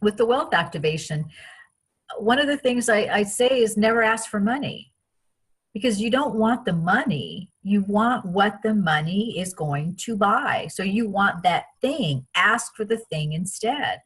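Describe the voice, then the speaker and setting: A woman from France, a guest in an interview, telling personal stories in a chatty, animated way with many restarts. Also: medium pitch, measured pace, breathy edge. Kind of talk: casual interview storytelling.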